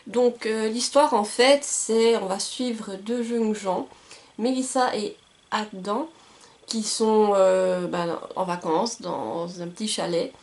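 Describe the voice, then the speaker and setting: A woman's voice: medium pitch, slow, a little mellow. A young woman giving casual book recommendations to camera, chatty and hesitant with frequent fillers and self-corrections. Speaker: book vlogger. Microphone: camcorder microphone.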